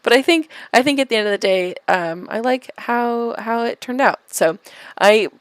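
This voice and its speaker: A woman's voice: a little high, lively intonation, normal speed, clear, resonant tone, no echo. A woman talking casually over her game build as a YouTube vlogger, chatty with lots of fillers and restarts, and a dry, self-mocking humor. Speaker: gaming YouTuber.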